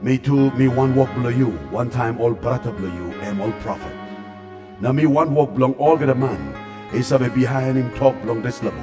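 A man with a Papua New Guinean accent playing a solemn, humble angel messenger in a dramatized scripture reading, speaking in a measured way. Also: medium pitch, natural voice. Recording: long hall reverb. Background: faint music.

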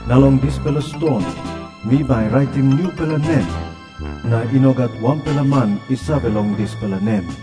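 A man's voice: medium pitch, in a large hall. Papua New Guinean man reading scripture over music. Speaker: scripture reader. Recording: music behind the voice.

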